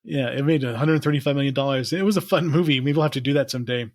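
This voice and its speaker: A man in his forties chatting loosely on a podcast mic. He rambles, restarts sentences and laughs a lot. His voice is mid-pitched and recorded dry. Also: racing, no room sound. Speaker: podcast co-host. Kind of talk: casual chat.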